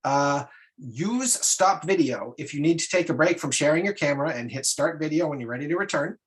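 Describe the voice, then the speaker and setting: A man informally moderating an online meeting, giving polite instructions in a halting way. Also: on the high side, expressive.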